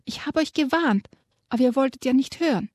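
A woman voicing a small, excitable female rat in a children's storybook reading, with a shrill, urgent and agitated manner. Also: a little fast, no echo, studio quality. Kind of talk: reading a children's book aloud.

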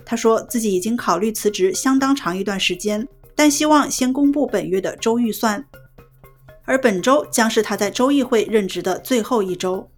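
A woman news presenter delivers a breaking news bulletin in a fairly high voice. She reads from a script, with music playing behind her. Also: moderate pace. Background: background music.

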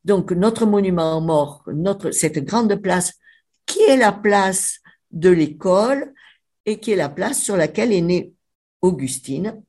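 A woman's voice: medium pitch, lively intonation, dark tone, husky. Passionate Provençal woman storyteller. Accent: Provençal French. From Avignon, Provence, France. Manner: passionate storyteller, emphatic, slows down on key words. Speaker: author and local historian. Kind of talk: radio interview.

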